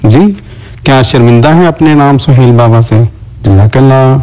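A man's voice: mid-range voice, dark tone, low-quality recording. A man in a recorded voice message, insistently repeating pointed questions to his opponent. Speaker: debater in voice messages.

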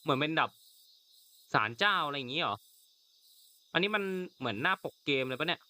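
A man's voice: on the high side, lively intonation, brisk, pushed and bright. A man hosting a let's play of a horror game, reacting chattily and reading the in-game text aloud. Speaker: gaming channel host.

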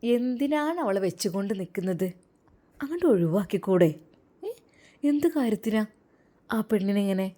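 A woman's voice: medium pitch, lively intonation, moderate pace, pauses often, natural voice. A woman voicing a sly, pushy woman who coaxes and gossips on the phone. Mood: sly coaxing. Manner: coaxing, gossiping, loud.

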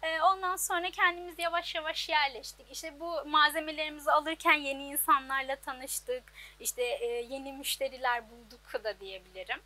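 A woman's voice: sits high, fairly even intonation, moderate pace, hardly any pauses, bright, forceful tone. A woman in her twenties who owns a laundry, answering interview questions plainly and hesitantly, with many fillers, in an outdoor workshop. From Turkey. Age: 20s. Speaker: business owner.

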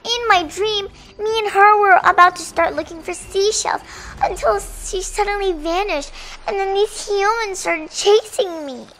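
Woman as a very high-pitched little mermaid girl. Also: a little slow, a bit bright, low-quality recording. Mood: earnest, puzzled. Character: sweet earnest young mermaid girl, adopted by humans. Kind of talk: animated game-story voice acting.

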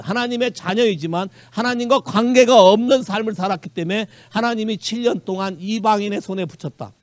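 Male Korean pastor, high voice, lively preaching with bits of English, dry close sound. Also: no echo. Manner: animated preaching, mixing Korean with English phrases, quizzing the congregation. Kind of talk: sermon. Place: church sanctuary.

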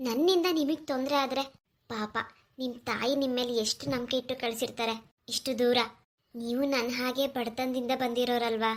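A tender young village woman in a cartoon story, voiced by a woman. Her high voice stays soft and earnest. She sounds emotional and anxious for others. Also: natural voice. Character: young village woman, gentle, tearful, caring. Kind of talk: cartoon voice acting.

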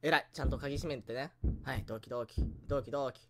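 A man's voice: medium pitch, quick pace, background noise. A man giving let's play commentary while he plays, chatty and easily startled, yelping and repeating words when something frightens him. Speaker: game streamer.

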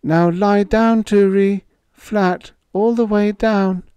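A man doing a high, quavering young girl. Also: fairly even intonation, slow pace, warm tone, smooth, no echo. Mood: pleading. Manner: high, quavering, pleading calls. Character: frightened young girl calling to a robot.

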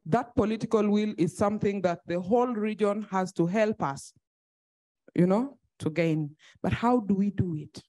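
A woman from South Sudan, an NGO director and activist, asking a measured, thoughtful question into a handheld mic in a conference hall. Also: medium pitch, mellow. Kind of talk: floor question at a panel.

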